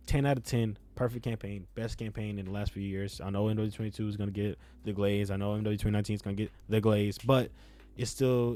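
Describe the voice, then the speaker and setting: Talking fast in a mellow, fairly low voice, a young adult YouTube gamer gives a casual, opinionated game review. He mentions having a speech impediment, and his delivery rambles, leans on slang, and repeats phrases for emphasis.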